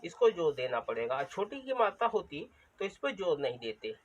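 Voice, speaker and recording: A man's voice: on the high side, big pitch swings. A man teaching a Hindi vowel lesson, drawing out and repeating the vowel sounds. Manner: slow, drawn-out vowel drills, repeating sounds. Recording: dull lo-fi recording with faint background noise.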